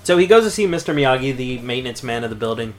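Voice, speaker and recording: A man's voice: medium pitch, lively intonation, fast talker, faint music behind. A man in his thirties co-hosting a podcast, chatting casually about a movie, laid-back and profane, often laughing. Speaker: podcast co-host.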